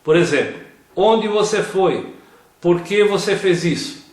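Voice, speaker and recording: A man giving a slow scripted grammar lesson, reading word examples one at a time. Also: high-pitched, expressive. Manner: reads word lists one by one. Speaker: grammar teacher. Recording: very echoey room.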